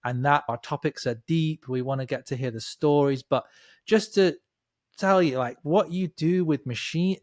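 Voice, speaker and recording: A man's voice: on the high side, moderate pace, darkish tone, no room sound. Enthusiastic middle-aged male host. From northern England. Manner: enthusiastic, effusive. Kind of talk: casual interview.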